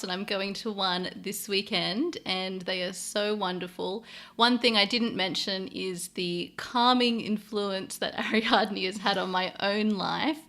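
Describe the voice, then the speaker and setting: A woman's voice: mid-range voice, sharp tone. A woman hosting a podcast, talking in an enthusiastic, chatty way with fillers and restarts. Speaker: podcast host. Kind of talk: podcast intro and interview.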